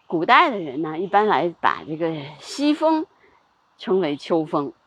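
Woman, casual host, husky, lively pitch, lower voice. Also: measured pace. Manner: chatty, many fillers and small laughs. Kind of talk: casual spoken talk on seasonal customs.

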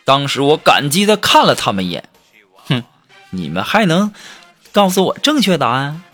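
A man tells one comic anecdote after another, his high voice swooping all over the place. He jumps in and out of the people he quotes. Music plays clearly behind him throughout. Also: moderate pace. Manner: animated, acts out quoted people in shifting voices. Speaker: comedic storyteller. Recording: with background music.

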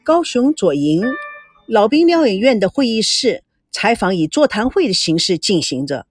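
Woman narrating a story, dramatic and lively. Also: medium pitch, moderate pace, slightly rough, dry recording, studio quality, faint music behind.

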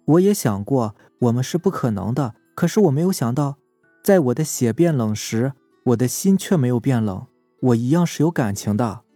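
A man voicing a sorrowful drowned young ghost girl in a horror story, speaking softly and plaintively. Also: mid-range voice, expressive, moderate pace, no echo, faint music behind, natural voice. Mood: mournful. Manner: soft, plaintive, confessing.

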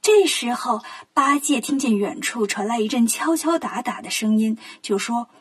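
A woman narrates a children's story, gentle and expressive, with clear pacing. Her voice sits a little high and is very breathy and airy. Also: moderate pace.

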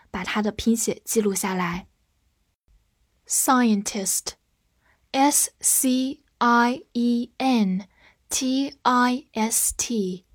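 A woman teaching English vocabulary, spelling words out letter by letter and repeating them slowly. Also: a little high, no room sound, studio quality. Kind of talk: scripted vocabulary lesson.

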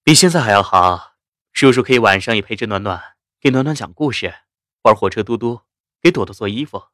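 Woman voicing a soft-spoken gentle male doctor. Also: very deep voice, fairly quick, dry recording, clean studio sound, voice pushed down. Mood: tender. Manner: soft-spoken, mild and even. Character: gentle, calm young male doctor suitor.

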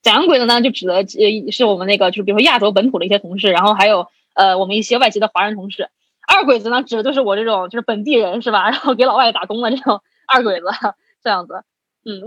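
This medium-pitched female voice belongs to a podcast guest in her twenties who laughs a lot while telling a story and playing the different people in it. The audio has no room sound and the highs are cut off.

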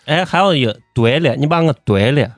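A man's voice: fairly high pitch, expressive, fairly quick, no echo, studio quality. A man with a Shaanxi accent talking casually in a group podcast. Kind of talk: casual group chat about dialect words.

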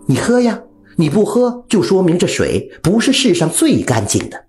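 A man's voice: sits high, wildly swooping pitch, moderate pace, faint music behind, pitched above the performer's own voice. A man doing a clever, spirited village wife. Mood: mocking. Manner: composed, sharp-tongued.

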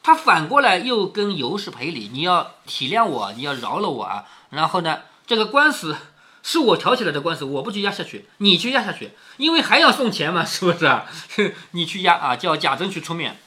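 Lively man explaining a classic story. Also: high-pitched, a little fast. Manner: explains with chuckles and rhetorical questions. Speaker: father reading to his daughter. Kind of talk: storytelling reading with commentary.

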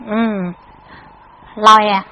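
A woman storyteller voicing a polite, earnest young grandson in a zhuizi dialogue, answering in brisk, coaxing replies. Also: medium pitch, fairly even intonation, muffled recording, voice pushed down. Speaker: storytelling performer.

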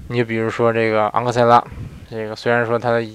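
A man's voice: medium pitch, monotone, quick pace, clear, resonant tone, no room sound. A man hosting a casual car commentary, talking in a chatty way and often asking his listeners rhetorical questions. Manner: conversational, keeps asking rhetorical "right?"; self-mocking, chatty asides. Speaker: car reviewer and show host.

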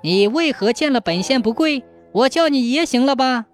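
A woman's voice: high-pitched, lively intonation, normal speed, soft background music, pitched above the performer's own voice. A woman voicing a pompous, hot-tempered male county magistrate in a folk tale, blustering and sneering.

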